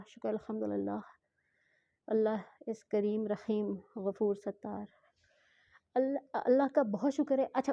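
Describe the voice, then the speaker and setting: A woman telling a travel story in a casual vlog, chatty and often correcting herself, mixing in English phrases and speaking slowly on purpose. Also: high voice, mellow, muffled recording. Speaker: travel vlogger.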